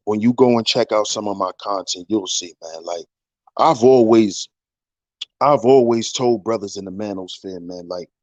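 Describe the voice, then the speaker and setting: A man's voice: fairly low pitch, moderate pace, darkish tone, lo-fi sound. A man speaking bluntly and with emphasis as a panelist on a remote call, with his voice echoed back by a second device. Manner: blunt and emphatic, with frequent restarts. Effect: doubled echo from a second device on his line. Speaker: panelist on a live stream. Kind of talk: casual online panel chat. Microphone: remote call microphone.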